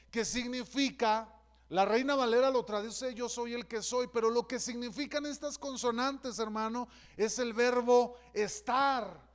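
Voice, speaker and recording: A man preaching a sermon in a notably high, smooth and resonant voice. He speaks with fervent conviction and keeps addressing the congregation directly as brother. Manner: fervent preaching, often calls out "hermano". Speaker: pastor.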